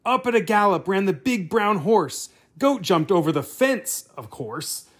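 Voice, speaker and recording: A slow, unhurried reader telling a children's picture book aloud, gentle and expressive. The voice is a little husky, and its pitch rises and falls in a lively way.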